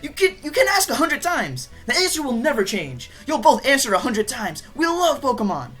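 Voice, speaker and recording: A cocky, impatient boy rival in a video game, as a woman acts him out, talking fast, loud and eager. The voice is pitched a bit above her normal talk and swings around a lot, with faint game music underneath. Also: slightly rough, heavily acted. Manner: brash and excited.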